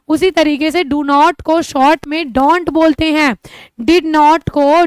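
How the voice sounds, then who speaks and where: Her voice sits high and the recording has no echo. The woman teaches an online English-speaking class, encouraging students she calls children and repeatedly answering questions she has just asked.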